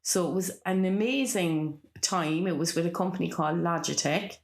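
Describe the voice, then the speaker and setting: A lowish-voiced Irish woman talks like a natural storyteller. Her delivery is lilting and animated, full of conversational anecdotes and little questions to the listener. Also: normal speed, vocal fry. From Ireland.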